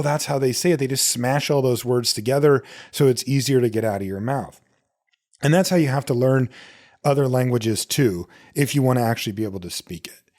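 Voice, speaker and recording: A slightly mellow, medium-pitched voice comes from a middle-aged American man hosting a podcast alone. His delivery is relaxed and chatty as he responds to listener questions and tells personal anecdotes.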